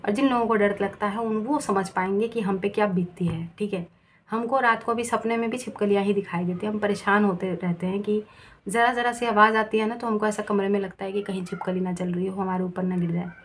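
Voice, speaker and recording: A woman's voice: medium pitch, a little fast, a little hiss or hum. Chatty woman tarot reader telling a story. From Bengali family. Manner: animated storytelling, mixing in English words. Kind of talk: casual chat. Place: indoor room at home.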